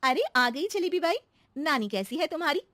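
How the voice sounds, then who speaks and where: A woman's voice: high-pitched, animated, normal speed, bright, forceful tone, no echo, pitched above the performer's own voice. A woman voicing a level-headed housewife who teases her maid with mock-serious logic, in a cartoon story. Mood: calm. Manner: sly, mock-serious teasing.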